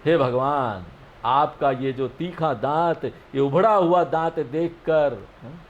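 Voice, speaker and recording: A man giving a scripture lesson. He explains each verse slowly and often checks with his listeners. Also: fairly high pitch, muffled recording. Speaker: spiritual teacher.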